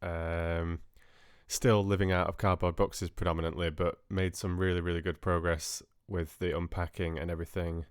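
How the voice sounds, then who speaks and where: Speaking at normal speed with a flat delivery, this low-pitched man hosts a livestream and chats casually with viewers. He's friendly and hesitant, with asides that trail away, recorded cleanly in studio quality with no echo.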